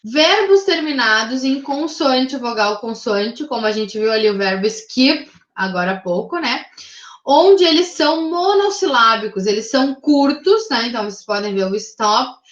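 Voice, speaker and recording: A woman's voice: on the high side, lively intonation, moderate pace. A woman with a Brazilian Portuguese accent explaining English grammar to her class in a patient, methodical way, often checking in with short tag questions. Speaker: English teacher. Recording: roomy, slightly dull recording.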